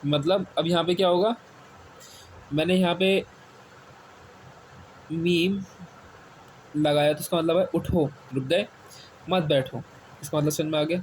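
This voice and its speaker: A man teaching the stopping rules of Quran reading, who asks his students questions and answers them himself, repeating key words slowly. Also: a little high, fairly even intonation. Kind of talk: step-by-step classroom explanation. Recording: faint background noise.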